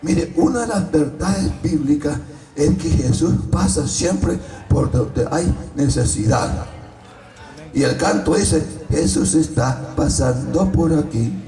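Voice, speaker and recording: A man preaching a sermon with fervor, swinging from loud shouted bursts to slow, low passages. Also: lively intonation, a little hiss or hum. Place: church hall. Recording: roomy distant church sound with congregation.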